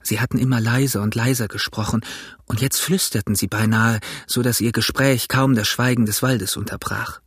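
Husky male audiobook narrator. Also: medium pitch, steady tone, normal speed, no echo, clean studio sound. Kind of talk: audiobook reading.

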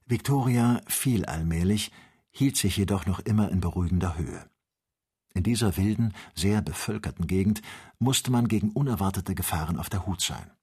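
A man narrating an audiobook in an even, descriptive storytelling manner. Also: deep voice, moderate pace, breathy edge. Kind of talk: scripted narration.

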